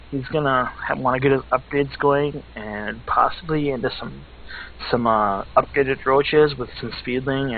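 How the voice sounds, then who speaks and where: A man giving color commentary on a strategy game match, explaining builds and filling gaps with "like" and "uh". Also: mid-range voice. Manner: explanatory, leans on "like" and "uh". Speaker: esports analyst. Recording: tinny phone-like line, faint noise.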